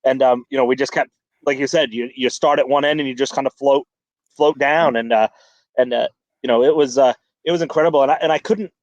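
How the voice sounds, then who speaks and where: A man's voice: mid-range voice, fairly even intonation, quick pace, dry recording. A man chatting casually on a fishing podcast, rambling with many restarts and fillers. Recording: dull lo-fi dry sound.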